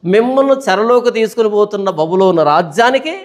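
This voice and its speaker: A man with a high voice preaches a Bible study sermon. He tells vivid stories and fires rhetorical questions at his listeners, pushing and then easing his pitch. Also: fairly quick. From India. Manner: animated storytelling with rhetorical questions. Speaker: pastor.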